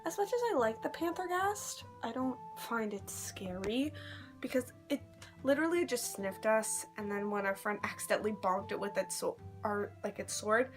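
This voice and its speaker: A woman's voice: fairly high pitch, lively intonation, moderate pace, soft background music. A woman chatting casually to her phone at arm's length, telling stories in a rambling, slangy way as a vlogger. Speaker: vlogger recounting a live-action role-play event. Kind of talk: casual chat.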